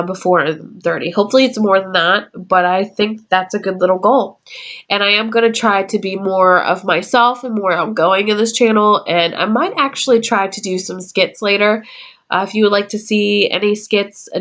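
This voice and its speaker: This is a woman in her twenties making a casual vlog from her room at home. Her voice sits at an ordinary middle pitch. She rambles in a friendly way, dropping ums as she goes through her list. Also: fairly bright tone. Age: 20s. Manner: chatty, meandering, with frequent ums. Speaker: YouTuber.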